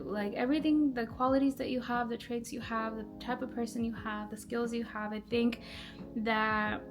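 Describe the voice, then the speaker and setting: A young woman from Nepal, a musician, talking casually about her music with lots of filler words. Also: a little high. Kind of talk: casual self-introduction. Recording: music playing behind.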